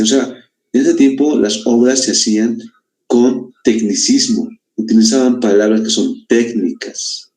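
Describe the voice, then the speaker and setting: A man from Bolivia teaches a literature class in a relaxed, mellow voice at a middling pitch. He explains patiently, stretching out key words and checking in with a quick "¿no?" after almost every point. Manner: explains with rhetorical questions and frequent "¿no?". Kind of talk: literature lesson for exam applicants.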